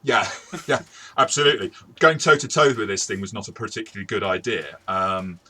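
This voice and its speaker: A man talks through a tabletop game review as its game master, hesitant and stop-start, often repeating words. His voice is fairly low and sharp in tone, with a brisk pace.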